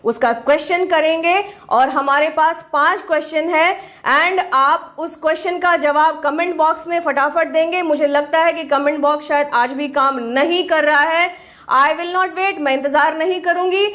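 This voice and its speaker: Young woman, high voice, teaching an online class and drawing out English phrases slowly. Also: fairly even intonation, fairly bright tone. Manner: mixes Hindi with English phrases, slows down sharply on English sentences.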